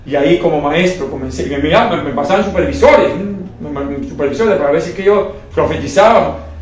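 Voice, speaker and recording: High-voiced preacher in an echoey hall. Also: male voice, fairly quick, a little hiss or hum. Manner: animated storytelling with many repeated words. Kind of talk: sermon. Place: church hall. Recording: very echoey hall, voice far from mic.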